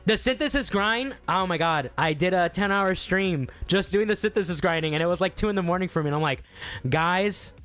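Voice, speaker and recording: A fairly high-voiced young man talking in loose, excitable chat, cursing casually and breaking into laughter. Faint music plays under his voice. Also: fast talker, hardly any pauses. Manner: excitable, swears freely, laughs often. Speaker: guest musician and streamer.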